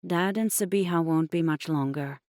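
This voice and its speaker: A woman's voice: on the low side, moderate pace, darkish tone, no echo, clean studio sound, lightly acted. A woman with an Australian accent voicing a harried, worried mother who speaks in firm, clipped tones. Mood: soothing.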